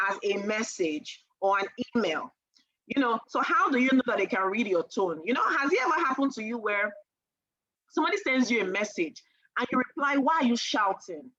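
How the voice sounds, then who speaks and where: A woman teaching a sales class in a chatty, animated way, often asking her listeners questions. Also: on the high side, dry recording, dull audio. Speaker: sales trainer.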